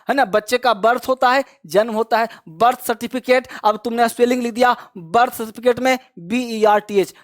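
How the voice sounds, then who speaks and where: A male teacher giving a vocabulary lesson, emphatic and repetitive, drilling words and spelling them out letter by letter while urging students to memorize quickly. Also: sits high, no room sound, studio quality. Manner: urges students to hurry and memorize.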